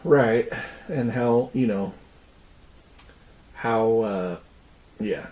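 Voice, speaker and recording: A man's voice: fairly low pitch, extremely slow, rough recording. A man co-hosting a podcast, chatting casually, chiming in with agreements and questions. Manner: relaxed, chimes in with short agreements and questions. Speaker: podcast co-host. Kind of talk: casual conversation.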